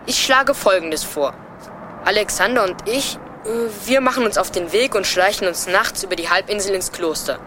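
A woman's voice: medium pitch, normal speed, fairly bright tone, close to an everyday voice. Woman acting a decisive young boy, faint noise. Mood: planning, decisive. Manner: decisive, explanatory. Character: bossy, methodical young boy leading his siblings. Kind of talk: children's audio drama acting.

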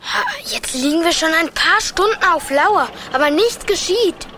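An actress playing a cheeky, watchful young sibling on lookout in a children's audio drama, alert in manner. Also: female voice, very high-pitched, expressive, a little slow, sharp tone, heavily acted. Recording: clearly noisy ambience.

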